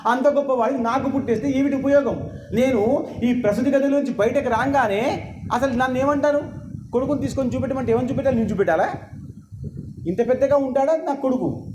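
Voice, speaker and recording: Sermon quote: a man voicing an emphatic queen mother, very high voice, echoey room. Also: fairly quick, noisy background. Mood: pleading. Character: queenly mother asking god for a baby son. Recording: echoey hall with faint ambience.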